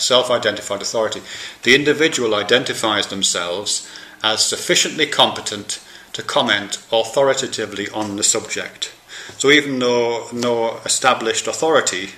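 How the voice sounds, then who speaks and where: A man's voice: lowish voice, pushed and bright. A man, an academic lecturer, reading out points and explaining them informally with fillers and restarts. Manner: reads points aloud then explains casually, with fillers. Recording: echoey room with faint noise.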